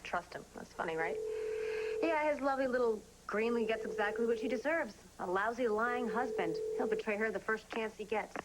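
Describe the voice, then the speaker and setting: An actress playing a sharp-tongued, scheming young woman who talks in a sarcastic, biting way. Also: a little high, fairly quick, heavy background noise, natural voice. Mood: spiteful. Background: background music.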